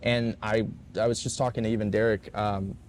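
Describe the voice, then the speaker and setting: A man co-hosts a podcast from a warehouse, chatting casually and rambling with plenty of fillers and swearing. His voice is on the low side with a level tone, and he talks a little fast. There's a slight hiss or hum in the audio.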